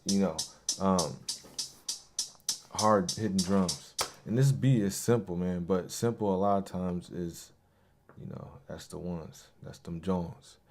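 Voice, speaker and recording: Man, low voice, beat producer, casual tutorial, home studio, loud beat behind. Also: slow pace. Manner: laid-back, hypes along to his beats with yo and hey ad-libs. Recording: beat music playing loudly behind.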